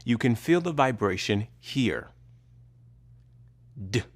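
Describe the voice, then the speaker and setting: A man giving a pronunciation lesson at an extremely slow, measured pace, spelling out each sound with long pauses. His voice sits a little low, and his delivery is careful and deliberate. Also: expressive. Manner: carefully enunciated, pausing between sounds. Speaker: pronunciation teacher. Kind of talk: slow, deliberate scripted instruction.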